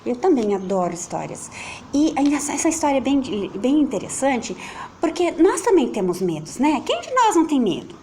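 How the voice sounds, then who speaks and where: A woman's voice: high-pitched, very animated, normal speed, darkish tone, a little hiss or hum. A woman with a Brazilian Portuguese accent, a teacher reading a children's story aloud in a playful sing-song way. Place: at home with children and a pet nearby.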